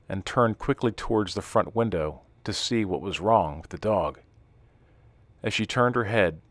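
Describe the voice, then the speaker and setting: A man narrating a scripted story in a calm, steady reading voice that drops to a hush in tense passages. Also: fairly low pitch, dry recording.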